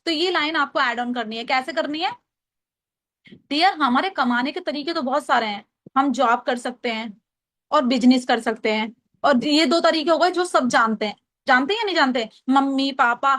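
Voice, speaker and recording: A woman's voice: high-pitched, fairly bright tone. A young woman with an Agra Hindi accent trains a team on invitation calls, acting out sample calls and repeating lines so listeners can write them down. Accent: Hindi, from Agra, Uttar Pradesh. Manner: explains step by step, repeats lines for note-taking. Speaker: trainer teaching call scripts. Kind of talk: casual training talk with role-played calls.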